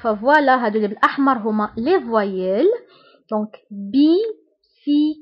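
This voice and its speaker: A woman with a Moroccan Arabic accent teaching French pronunciation, spelling out vowel pairs and repeating each example word slowly. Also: on the high side, lively intonation, muffled recording. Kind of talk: slow explanatory language lesson.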